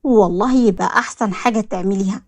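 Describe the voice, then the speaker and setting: A man's voice: high-pitched, fast, dry recording, clean studio sound. A woman with an Egyptian accent voicing a teasing young man who mocks. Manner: teasing, mocking.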